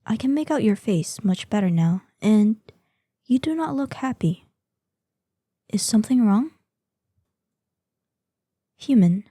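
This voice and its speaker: A woman plays an ancient, vain dragoness in human form for a scripted fantasy audio drama roleplay, her voice very dark and mellow with breathy softness, yet on the high side. She speaks slowly and imperiously in formal, theatrical phrasing, sounding puzzled and concerned. The recording is dry with clean studio sound.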